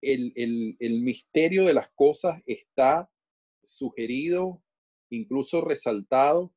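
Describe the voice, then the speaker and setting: A man with a Venezuelan Caribbean Spanish accent in reflective conversation, pensive and pausing to search for his words. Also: medium pitch, mellow. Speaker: interview guest.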